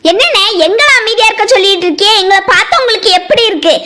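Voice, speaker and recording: A performer voicing a sharp-tongued younger sister in a cartoon family drama, firing accusing questions at her elder brother. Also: extremely high pitch, animated, fast talker, full character voice.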